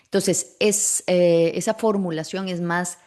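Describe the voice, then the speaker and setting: A woman's voice: fairly low pitch, fairly even intonation, slow, darkish tone. A woman hosting a parenting podcast, explaining things in a conversational way with frequent hesitations. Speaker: podcast host and multilingual parenting consultant. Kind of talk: solo podcast monologue giving advice.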